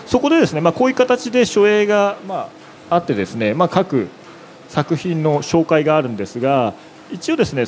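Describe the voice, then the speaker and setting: Quick, animated man presenting on stage. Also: a little high, a little hiss or hum. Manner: explanatory, heavy on filler words. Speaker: web developer presenting. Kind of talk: conference presentation. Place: exhibition stage, indoors. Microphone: handheld mic.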